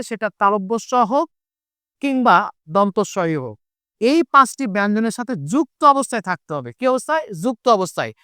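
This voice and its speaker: Smooth-voiced man from Chapainawabganj teaching. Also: extremely high pitch, fairly bright tone, no echo, clean studio sound. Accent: Chapainawabganj Bengali. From Chapainawabganj, Bangladesh. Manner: repeats key points, asks and answers own questions. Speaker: Bengali teacher. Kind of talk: online grammar lesson.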